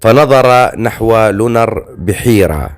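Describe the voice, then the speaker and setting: A man's voice: on the low side, unhurried. Man narrating a fantasy horror audiobook. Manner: steady storytelling, occasional slips.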